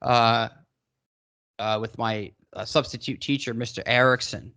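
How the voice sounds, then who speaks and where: A man's voice: mid-range voice, steady tone, measured pace, sharp tone. A man in his late twenties from Massachusetts, co-hosting a podcast and giving rambling, emphatic opinions in casual discussion. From Massachusetts, United States. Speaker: podcast co-host.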